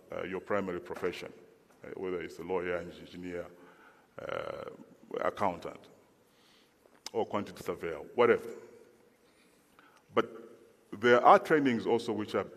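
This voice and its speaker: A middle-aged man from Zambia giving a measured conference speech, often restarting and repeating words. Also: sits low. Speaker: conference speaker, former lawyers' association president. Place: large conference hall. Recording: long hall reverb.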